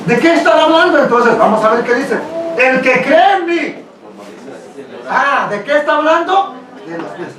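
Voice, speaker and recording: High-voiced preacher in an echoey room. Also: male voice. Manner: animated, asks the congregation questions, laughs often. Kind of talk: sermon. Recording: echoey room, mic at a distance.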